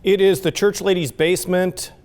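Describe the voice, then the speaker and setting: Male local TV host, folksy and conversational, slightly high voice, roomy reverb. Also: steady tone, darkish tone. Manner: conversational, folksy, quick to jump in. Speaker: TV talk show host. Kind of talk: local TV interview.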